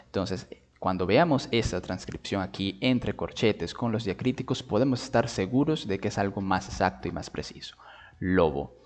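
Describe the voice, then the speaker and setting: A man giving a patient video lesson on phonetics, drawing out sounds slowly to demonstrate them and often checking in with his listeners. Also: fairly low pitch, darkish tone, long reverb tail. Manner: checks in with "¿vale?" and "¿ok?". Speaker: linguistics teacher.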